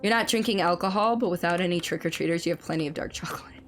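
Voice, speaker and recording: With faint music behind her, a woman streamer fires off rapid live gameplay commentary while reading and responding to chat. Her voice is lowish and slightly hoarse, still recovering.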